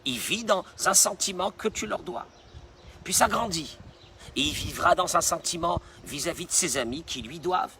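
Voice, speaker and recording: A man's voice: on the high side, normal speed, crowd noise. A man, a rabbi, preaching a sermon in an emphatic way, repeating phrases for stress.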